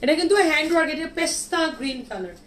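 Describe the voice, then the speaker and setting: High-voiced chatty woman selling clothes live. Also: expressive, rapid-fire, fairly bright tone, a little hiss or hum. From Bangladesh. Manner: chatty, reads out and answers viewer comments, mixes in English words. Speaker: online boutique seller hosting a live sale. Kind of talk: live-stream sales chat.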